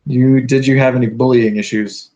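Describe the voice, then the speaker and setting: A man's voice: mid-range voice, steady tone, moderate pace, mellow, dull audio. A man in his twenties co-hosting a casual live stream with dry, teasing jokes. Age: 20s. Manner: joking, dry teasing humor. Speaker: co-host, soldier.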